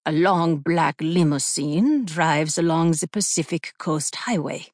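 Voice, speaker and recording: A woman voicing a German-born male Nazi commander in his forties, speaking with a German accent in a slow, low, deliberate way. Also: a little mellow, dry recording, studio quality, heavily acted. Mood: scheming. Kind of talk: audiobook character reading.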